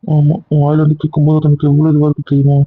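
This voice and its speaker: In a Tamil audio drama, a man with a fairly high, breathy voice plays an insecure young husband or boyfriend who pleads with and coaxes his partner again and again. He races through his lines in a completely flat delivery with a pleading mood. The recording is tinny and phone-like, with no room sound.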